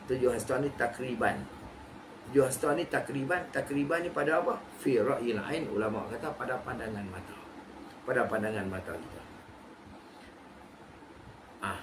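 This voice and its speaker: A man teaching a religious text, posing questions to his class and answering them, repeating key phrases slowly. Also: mid-range voice. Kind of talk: kitab study lecture. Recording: noisy recording with background ambience.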